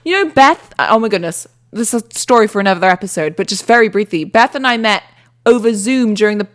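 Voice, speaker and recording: A woman's voice: mid-range voice, quick pace. A British woman co-hosting a casual chat podcast, rambling off on tangents and laughing often. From Britain. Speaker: podcast co-host.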